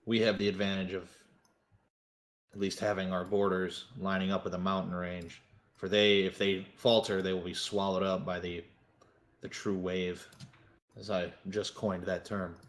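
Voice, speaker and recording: A man voicing a grave, low informant. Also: level tone, normal speed, close to an everyday voice. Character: grave male informant briefing adventurers on enemies.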